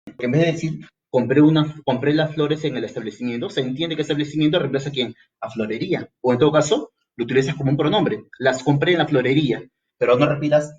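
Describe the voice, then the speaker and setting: A man's voice: a little high, highs cut off. A man with a Peruvian accent teaching a grammar lesson for entrance exams, speaking straight to the student and sometimes acting out the student's questions. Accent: Peruvian Spanish. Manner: lively, talks straight to the student, acts out student questions. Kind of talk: exam-prep grammar lesson.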